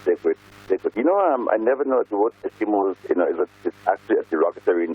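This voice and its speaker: A man's voice: on the low side, expressive, rapid-fire, breathy edge. A man speaking casually as a guest caller over a landline phone. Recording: muffled, choppy landline phone call.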